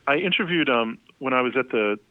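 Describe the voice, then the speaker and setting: A man's voice: mid-range voice, animated, brisk, dry recording. Rambling man on a tinny phone line. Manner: rambling, many fillers, laughs often. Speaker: music journalist. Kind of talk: casual podcast chat.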